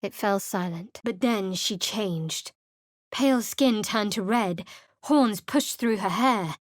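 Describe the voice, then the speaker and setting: An actress voices a guarded, sardonic young female cleric for a video game, captured on a close studio microphone in a booth. Her natural, mid-range voice moves slowly with no echo, and her delivery is dry, cool and sardonic.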